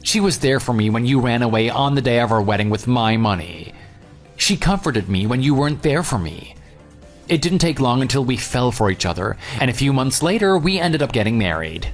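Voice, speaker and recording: Speaking fairly quickly and animatedly, close to an everyday voice, a man voices the sarcastic, unyielding, self-assured jilted former groom who leads and narrates this audio drama. His pitch is medium, his manner dry, and he mixes first-person narration with dialogue over light background music.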